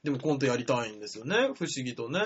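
A man's voice: mid-range voice, big pitch swings, rapid-fire, dull audio, a little hiss or hum. A man from Shimane co-hosting a radio talk show, answering teasing with playful, self-mocking comebacks. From Shimane, Japan. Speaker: radio co-host, comedian. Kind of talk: casual comedic banter.

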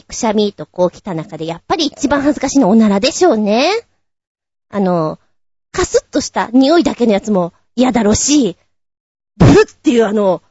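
Lively, high-voiced female radio host. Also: husky, no room sound. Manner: chatty, giggly, quick asides. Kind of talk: casual chat reading listener messages. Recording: muffled lo-fi with faint music.

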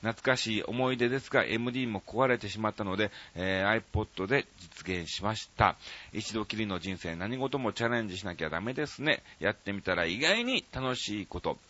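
Lively chatty man with a lilt. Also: on the low side, muffled recording. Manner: lively, chatty, quick asides and comebacks between letter lines. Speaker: radio show host. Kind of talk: casual radio chat reading listener letters. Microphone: studio microphone.

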